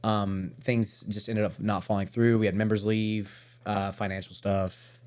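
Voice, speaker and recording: A man's voice: on the low side, little pitch movement, measured pace, a little mellow. A man, a metal band vocalist, chatting loosely as a guest in a casual interview, often restarting mid-sentence.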